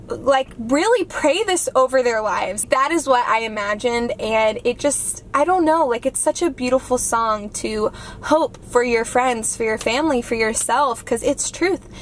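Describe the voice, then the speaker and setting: A woman in her twenties, a vlogger, chats casually to a dashboard camera inside a parked car. Her voice sits on the high side and moves at a measured pace, heartfelt and gushing, full of "like," with slight background noise.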